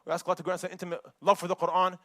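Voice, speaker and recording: A man giving a Friday sermon, animated and quick, mixing Arabic recitation with casual street talk. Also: sits high, no echo, studio quality. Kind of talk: khutbah sermon. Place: mosque.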